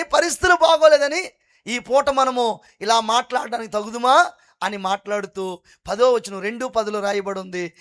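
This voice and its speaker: A man preaching a fervent sermon at an all-night prayer meeting, repeatedly calling on the congregation to praise God loudly. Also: extremely high pitch. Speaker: pastor.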